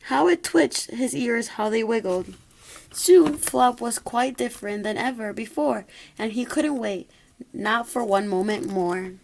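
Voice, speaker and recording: A woman's voice: on the high side, a little slow, gravelly, darkish tone, rough recording. A woman reading a rhyming children's story aloud expressively, occasionally stumbling over a word. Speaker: storybook reader.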